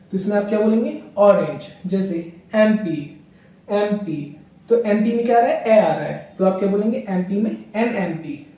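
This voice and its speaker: A man's voice: high-pitched, dark tone. Man teaching grammar in an echoey room. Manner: repetitive question-and-answer explaining. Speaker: English teacher. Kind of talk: classroom grammar lesson. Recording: echoey, distant, dull room sound.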